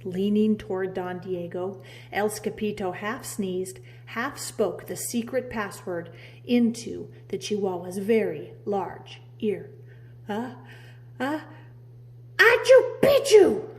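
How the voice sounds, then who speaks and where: Reading a children's picture book the way a preschool teacher would, this woman lingers dramatically on important words. Her medium-pitched voice is steady, slow, and slightly mellow, with a faint hiss or hum in the background.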